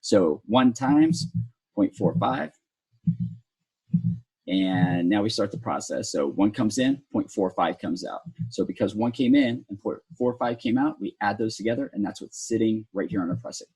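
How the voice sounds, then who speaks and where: A man's voice: fairly low pitch, animated, moderate pace, darkish tone, husky, low-quality recording. A man teaching a rope rescue lesson, walking step by step through force calculations with the odd sarcastic aside. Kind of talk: technical lesson at a whiteboard.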